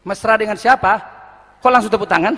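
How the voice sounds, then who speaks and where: Animated preacher in an echoey hall. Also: male voice, high voice, brisk. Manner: animated, acts out quotes with loud outbursts. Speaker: pastor. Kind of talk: sermon with storytelling. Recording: echoey live hall recording.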